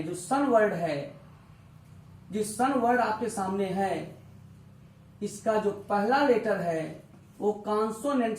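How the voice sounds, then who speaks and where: Slow, patient male teacher in echoey room. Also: sits high, distant mic. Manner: slow, repeats each point, asks if it is clear. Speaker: English teacher. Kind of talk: classroom grammar lesson.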